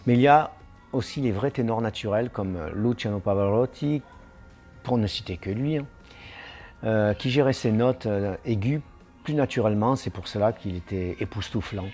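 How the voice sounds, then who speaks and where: A man runs a singing lesson in a fairly low, mellow voice. He explains technique patiently and keeps tacking on small asides as he goes. Soft music plays faintly behind him. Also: moderate pace. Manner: explanatory, with frequent "hein" tags. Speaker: singing teacher.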